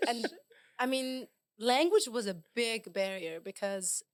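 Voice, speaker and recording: Lively woman telling stories. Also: on the high side, slow, dry recording, studio quality. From England. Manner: lively anecdotal storytelling, often laughing. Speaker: guest. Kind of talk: casual podcast interview.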